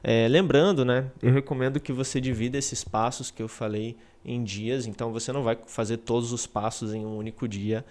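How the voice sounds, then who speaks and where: A man's voice: mid-range voice, steady tone, a little fast, hardly any pauses, darkish tone. Casual man teaching. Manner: conversational, with frequent check-ins and restarts. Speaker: English teacher. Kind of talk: casual spoken lesson.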